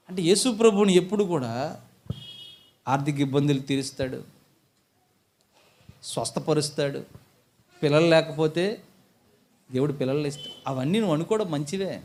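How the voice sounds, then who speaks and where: A man preaching a sermon as pastor, putting questions to his congregation and answering them himself, and building to loud emphatic peaks. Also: a little high.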